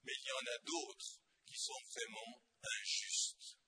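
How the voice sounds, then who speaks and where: Male preacher, very bright and sharp tone, dry close sound; impassioned sermon, rhetorical questions. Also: extremely high pitch, wildly swooping pitch, takes it slowly, dry recording.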